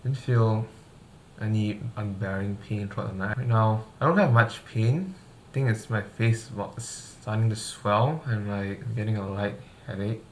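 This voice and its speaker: A man talking casually in a home vlog about his day, with a halting, hesitant delivery. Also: lowish voice, slight background noise. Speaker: vlogger. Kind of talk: casual cooking and recovery vlog. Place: indoor home kitchen. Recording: echoey room with music behind.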